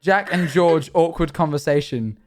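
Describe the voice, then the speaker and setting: A man's voice: on the high side, moderate pace, over music. A young British man chatting casually on a livestream, joking and rambling with frequent restarts. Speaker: streamer.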